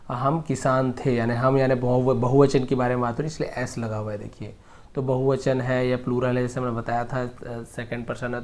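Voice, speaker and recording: A man teaching English grammar, patiently repeating each example slowly word by word. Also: medium pitch. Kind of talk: explaining grammar lesson.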